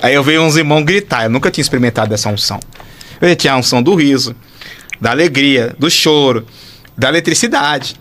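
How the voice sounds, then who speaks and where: A Brazilian man, a pastor, telling a testimony in an excitable, animated way, with shouts and sound effects. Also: mid-range voice, fast, slight background noise. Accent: Brazilian Portuguese. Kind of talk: animated testimony in casual chat.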